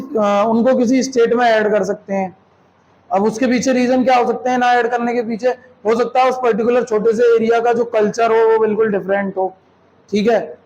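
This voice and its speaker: A man's voice: very high-pitched, a little mellow, poor audio. A man teaching a classroom lecture, explaining step by step and checking with students through rhetorical questions, mixing Hindi with English terms.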